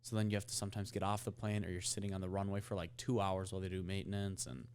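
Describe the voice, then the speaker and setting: A man's voice: sits low, level tone, fast, darkish tone, a little hiss or hum. A young man co-hosting a podcast, joking and laid-back in casual chat. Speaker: podcast co-host.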